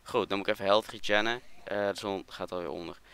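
A young man with a Dutch accent commentating his Minecraft let's play, excitable and quick to swear. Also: lowish voice, creaky, smooth. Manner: excitable, swears in rapid strings. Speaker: gaming channel host.

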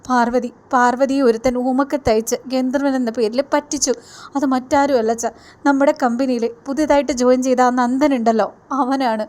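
A woman's voice: high voice, fairly even intonation, moderate pace, a little mellow, natural voice. Woman reading as a heartbroken young man. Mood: grieving. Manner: pleading, tearful. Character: heartbroken young man confessing to his father.

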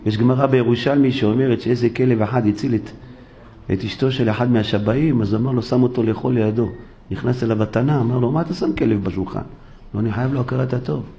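A rabbi preaching to his congregation in a synagogue, recorded for a live broadcast. He tells his stories with energy and slips into the voices of the people he describes. His voice sits in a middle male pitch. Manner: animated storytelling, acting out the people in his stories. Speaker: rabbi giving a sermon. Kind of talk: sermon.

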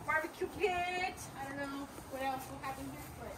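A woman with a Texan accent and a high, bright voice gives a casual house tour, moving through each room as she chats. She sits well back from the camera, and the bare rooms throw a heavy echo around her words. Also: moderate pace, background noise. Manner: chatty, enthusiastic, walking room to room. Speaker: family vlogger giving a house tour. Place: large empty house, indoors, Texas. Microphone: camera held at a distance. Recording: echoey empty rooms, voice from far off.

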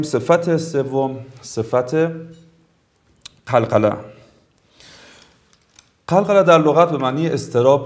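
A man's voice: medium pitch, a little mellow. Afghan Dari-speaking male tajweed teacher. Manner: formal and courteous, drawls each example word slowly twice. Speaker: Quran recitation teacher. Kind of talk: tajweed lesson with slow recited examples.

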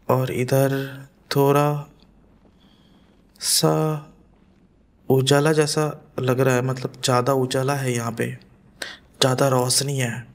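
A man running a gaming channel commentates on a horror game in a deliberately hushed, quiet voice of medium pitch, talking nervously to himself as he explores.

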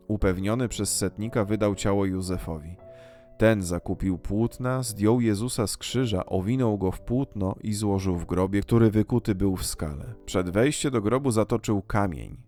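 Low-voiced man solemnly reading scripture. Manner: measured, unhurried, reverent delivery. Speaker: scripture reader. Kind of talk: solemn liturgical Gospel reading. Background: soft guitar music.

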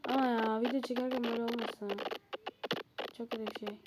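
A high-pitched woman talks through a football game as she plays it, jumping from excited yells to grumbling frustration. A loud, steady noise sits under her voice throughout the recording. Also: brisk. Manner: excitable, frustrated, shouts at goals. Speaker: gaming video creator. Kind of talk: live gameplay commentary.

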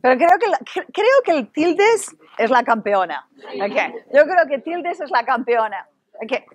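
Spanish woman leading a lively workshop. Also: high voice, unhurried. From Spain. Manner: lively, playful, asks the audience questions. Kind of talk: interactive workshop discussion.

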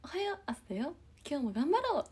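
A woman's voice: high voice, very animated, quick pace, a little mellow, pitched above the performer's own voice. A young woman voicing a cheery cartoon mascot in a sing-song wake-up call. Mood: chirpy. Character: cheery cartoon alarm mascot, chirpy and upbeat.

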